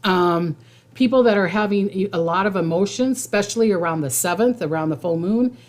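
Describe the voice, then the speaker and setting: A woman's voice: medium pitch, a little fast. A woman host talking casually to her viewers, informal and rambling, repeating phrases for emphasis. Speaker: psychic host giving monthly predictions. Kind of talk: casual livestream talk to viewers.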